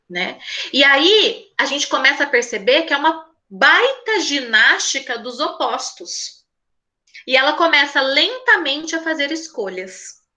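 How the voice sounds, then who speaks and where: A woman educator talks to a group of parents in a high, bright, lively voice. She keeps it conversational and checks in with frequent little tag questions. Now and then she acts out a child's words in her examples. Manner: conversational, asks "né?" often. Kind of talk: talk at a parents' school session.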